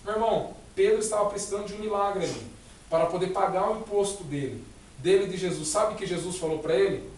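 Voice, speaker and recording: High-voiced preacher in an echoey hall. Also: male voice, fast talker, recorded from a distance, a little hiss or hum. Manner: retells Bible scenes with quoted dialogue, addresses listeners as brother. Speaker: missionary preacher. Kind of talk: sermon.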